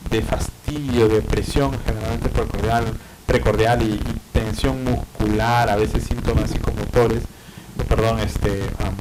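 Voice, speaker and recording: Patiently explaining in a university lecture, a man with a Peruvian Spanish accent speaks at middle pitch and teaches psychiatry. Fillers and tag questions pad his points, and clear background noise runs throughout.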